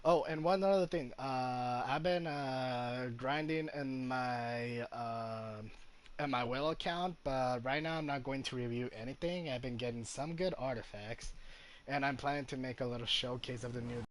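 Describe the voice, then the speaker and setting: A man with a medium-pitched voice chats casually at a moderate pace while livestreaming a game. His talk is rambling and hesitant, with video game music playing under his voice.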